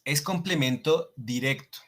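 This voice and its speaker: Slow, deliberate male Latin teacher. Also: mid-range voice, fairly bright tone. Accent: Latin American Spanish. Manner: slow, deliberate, frequent checking questions ("¿sí?"); spells out and repeats Latin phrases slowly. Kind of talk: classroom lecture over slides.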